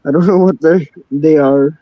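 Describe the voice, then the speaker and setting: A man's voice: on the high side, normal speed, no room sound, lo-fi sound. A young man from the calls in to a live stream and hesitantly asks questions about his aquarium. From Czech Republic. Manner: hesitant, many fillers and restarts, asks questions. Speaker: caller. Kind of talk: live-stream casual chat.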